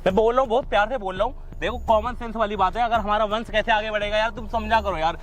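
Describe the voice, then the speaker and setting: A man's voice: high-pitched, fast, a bit bright. A man playing a blustering, exasperated husband. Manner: pleading yet blustering, says "abe" and "yaar" often. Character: exasperated young husband wanting a child. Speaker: husband in a staged couple-fight skit. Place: outdoors in a park.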